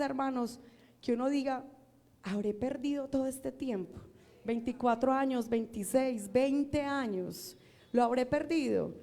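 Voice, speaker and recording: A woman's voice: sits high, mellow. An older woman with a Colombian accent preaching a sermon to a congregation, earnest, repeating phrases for emphasis and asking the congregation questions. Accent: Colombian Spanish. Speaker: church sister preaching. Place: church hall. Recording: long reverb of a church hall.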